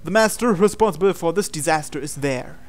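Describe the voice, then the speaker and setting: Hosting a visual novel playthrough, a man reads the narration aloud with drama and mixes in his own remarks. His voice is a little high and expressive, and he talks slightly quickly.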